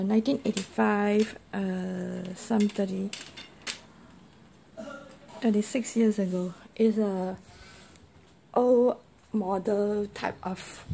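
In an echoey, noisy amateur recording, a middle-aged Singaporean woman vlogs from home, wandering between a bare-walled flat and a semi-open balcony corridor. Her mid-range voice is warm, gravelly, and steady in tone, and her unscripted chat is halting and rambling, with "okay" said again and again. The mic is a phone or tablet, handheld or propped, at varying distances.

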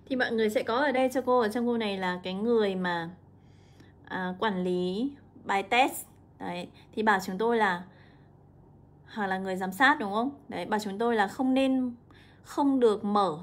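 A young woman with a mid-range voice teaches English, guiding her students through an exam in a walkthrough lesson. She stretches out the example words slowly.

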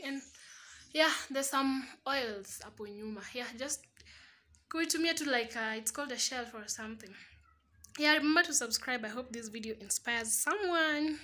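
Bright-voiced Kenyan woman giving a tour. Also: a little high. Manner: chatty, mixes Swahili words into English. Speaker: vlogger. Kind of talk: casual house tour narration. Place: small single room indoors. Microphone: phone camera held while walking.

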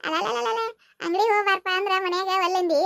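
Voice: creaky, pushed and bright, no room sound, clean studio sound, full character voice. A voice actor playing a chatty, teasing village boy in a cartoon, speaking with a North Karnataka Kannada accent. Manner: high, rapid, teasing. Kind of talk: cartoon voice acting.

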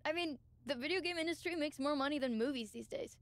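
Game cast: an eager young wrestler, high voice, dry studio sound. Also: female voice, quick pace, dry recording. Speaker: game character.

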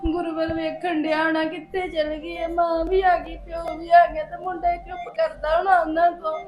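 A woman's voice: extremely high pitch, little pitch movement, normal speed, reverberant, dull audio. A woman playing a tearful young wife, pleading and sobbing over her unconscious husband in an amateur family drama. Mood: pleading sobs. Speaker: wife at husband's hospital bed.

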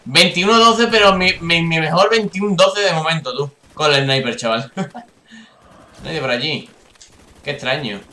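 A young man from Spain with a Castilian accent commentates live gameplay, swearing a lot and bursting into high yelps at kills and misses. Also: a little slow, pushed and bright, echoey room, a little hiss or hum. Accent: Castilian Spanish. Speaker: gaming youtuber.

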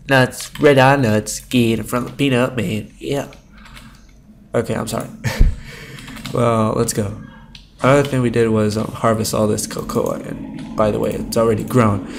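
A Minecraft let's-play streamer casually narrates his gameplay at his home computer, thinking aloud in a rambling, profane way. His creaky, darkish voice comes through a low-quality webcam mic, with slight background noise.

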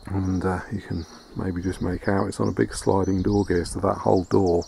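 A little hiss or hum accompanies this gravelly, low-voiced vlogger as he gives a laid-back handheld tour of his farmhouse restoration, outdoors and in a barn. He often pauses, using fillers and restarting sentences.

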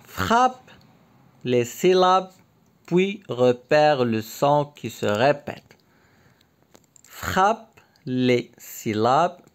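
A man teaching a workbook lesson to young pupils. He reads each word twice, slowly and clearly, then explains the instructions again in Arabic. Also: medium pitch.

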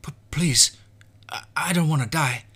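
A man's voice: on the high side, measured pace, sharp tone, slightly rough, pitched above the performer's own voice, exaggerated voice. A man voicing a terrified teenage outlaw boy in a western horror story, stammering and pleading. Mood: frightened pleading.

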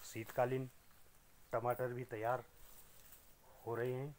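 A man's voice: medium pitch, flat delivery, takes it slowly, darkish tone. Middle-aged man touring his greenhouse. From Uttarakhand, India. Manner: plain, explanatory, pointing things out to viewers. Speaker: organic farmer. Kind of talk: casual farm tour vlog. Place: inside a small polyhouse greenhouse. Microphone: phone camera held at arm's length.

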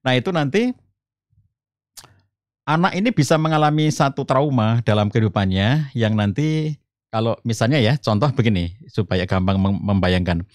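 A middle-aged man from Central Java explains family matters calmly to a podcast host, his voice climbing higher whenever he stresses a point. The sound is dry and close, with no room around it. His pitch sits at an ordinary level for a man. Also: normal speed, no echo. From Solo region, Central Java. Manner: calm explanatory, addresses host as Ustaz, rises in pitch for emphasis. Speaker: family counselor, podcast guest. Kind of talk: conversational religious talk.

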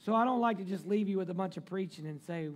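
A male pastor preaching a sermon in church, reading scripture and swinging between loud emphatic passages and quiet, low asides. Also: quick pace. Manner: reads scripture aloud and breaks off into joking remarks. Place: church sanctuary.

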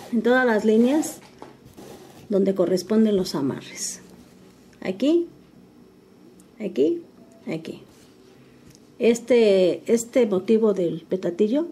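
An older woman talks through a craft tutorial. Her voice is soft and warm, never sharp. She narrates each stitch calmly and patiently, with a faint hum of the room behind her. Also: medium pitch. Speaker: embroidery teacher.

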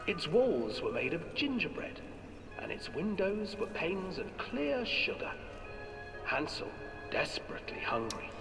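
A theatrical storybook narrator tells a grim fairy tale with a lively, swooping delivery in a slightly raised voice. His voice echoes around a large hall and sits far from the mic, with music behind. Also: sits high, a little slow, gravelly, full character voice. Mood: eerie. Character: eerie male ride narrator, adult.

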